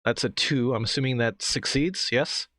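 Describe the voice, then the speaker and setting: A man's voice: mid-range voice, normal speed, a bit bright, no echo. A man narrating as game master, describing scenes in a loose, conversational way with many restarts.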